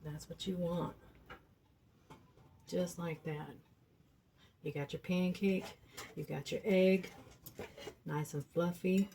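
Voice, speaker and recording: A woman's voice: lowish voice, steady tone, slow, gravelly, pauses often, dark tone. A woman chatting homily as she cooks in her home kitchen, showing how it's done. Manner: chatty and homey, talks while cooking. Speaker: home cook. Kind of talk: casual cooking demonstration. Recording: noisy kitchen with clattering dishes. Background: pans and dishes clattering.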